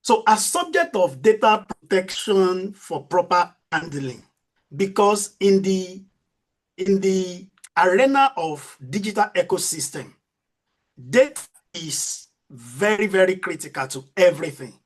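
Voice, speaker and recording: Slow-paced, polite man presenting formally. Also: sits high, sing-song. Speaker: conference presenter.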